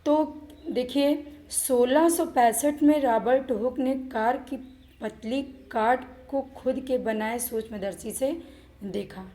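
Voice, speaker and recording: A woman's voice: fairly high pitch, dark tone. A woman teaching a school lesson, often asking the class questions and repeating her points. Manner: slow, repeats questions to students.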